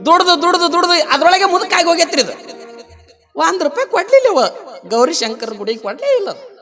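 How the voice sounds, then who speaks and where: A man with a North Karnataka Kannada accent preaching a devotional sermon on a temple stage, singing verse lines slowly and explaining them in lively colloquial asides. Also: very high voice, soft background music.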